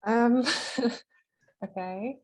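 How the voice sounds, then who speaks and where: A woman from Namibia taking part as a student, feeling her way through each word slowly and with many pauses. She laughs off her stumbles and keeps trying. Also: on the high side, dark tone, highs cut off. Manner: hesitant, halting, laughs at her own slips.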